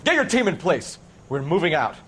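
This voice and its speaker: An actor playing a stubborn, impatient Marine officer barking urgent orders in a war video game. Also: male voice, a little high, sing-song, a little fast, a little hiss or hum. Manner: commanding, urgent.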